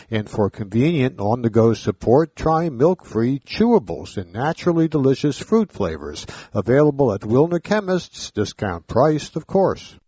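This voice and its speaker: Husky, mellow male ad voice with a lively lilt; dry, dull sound taped off the radio. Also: no room sound. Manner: smooth sales pitch delivery. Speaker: commercial announcer. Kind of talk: scripted radio ad read.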